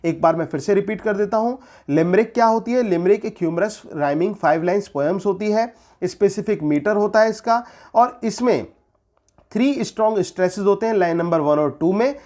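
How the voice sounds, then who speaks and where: A man with an Indian accent giving an exam-prep English literature lesson in Hindi. He reads English definitions slowly, then repeats and explains them. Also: sits high, a little mellow. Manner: repeats key points and quizzes the listener.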